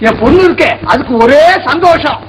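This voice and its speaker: A man's voice: very high voice, fairly quick, a little hiss or hum, low-quality recording. A bossy village father of the bride. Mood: boastful. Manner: talkative, bossy, self-important. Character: fussy boastful village father of the bride, middle-aged man. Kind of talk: 1960s film acting.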